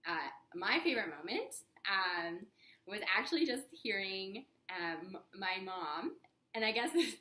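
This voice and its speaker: A woman's voice: medium pitch, unhurried. A young adult woman co-hosting a casual vlog, telling stories with giggles and lots of fillers. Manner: giggly, animated storytelling with many fillers. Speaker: vlog co-host. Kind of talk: casual chat. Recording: echoey room.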